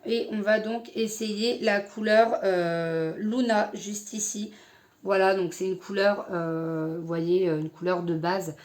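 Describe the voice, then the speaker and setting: A woman's voice: medium pitch, fairly even intonation, slow pace, a little mellow. A young woman casually reviewing an eyeshadow palette, hesitant with many fillers. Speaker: beauty vlogger.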